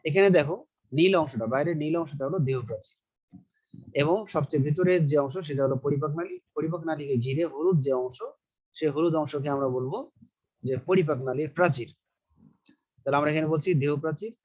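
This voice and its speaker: A man's voice: a little high, a little mellow, muffled recording. A man teaching a biology lecture, asking questions and answering them himself while repeating key terms. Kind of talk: online lecture.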